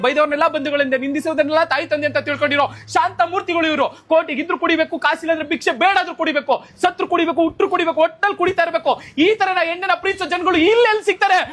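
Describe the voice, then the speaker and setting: A man's voice: very high-pitched, a bit bright. A man with a North Karnataka Kannada accent delivering a mock-heroic, film-style rant as a bar owner, with repeated punchy refrains. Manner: fast rhetorical ranting with refrains. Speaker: bar owner in a comedy skit.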